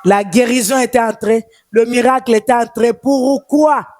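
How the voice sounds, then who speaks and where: A woman's voice: fairly high pitch, moderate pace, darkish tone, dry recording, faint music behind. A woman prophetess with a Congolese French accent, giving a fervent testimony in a repetitive, sing-song preaching cadence.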